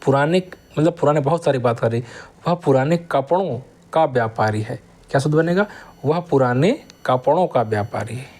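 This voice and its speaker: A man running a grammar lesson in a mid-pitched voice. He reads each example sentence aloud at a deliberate pace, then rattles off the correction and the reason for it. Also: darkish tone. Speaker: teacher.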